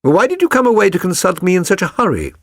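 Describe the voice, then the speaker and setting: A man voicing a suave, courteous gentleman detective in a storybook reading, polite, assured and incisive. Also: high voice, big pitch swings, fast talker, dry recording, studio quality, voice pushed up, exaggerated voice. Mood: probing.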